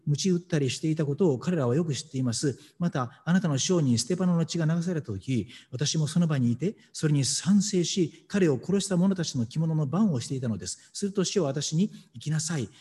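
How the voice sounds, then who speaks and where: A male pastor reading scripture and preaching, emphatic and animated, with dramatic pauses. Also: a little high, long reverb tail.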